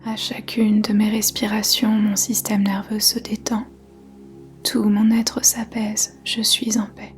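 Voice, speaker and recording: Faint music plays beneath a woman's soft, whispery guidance through yoga nidra. Her mid-range voice stays breathy and calm, delivering slow, soothing instructions in short, measured phrases with gentle pauses.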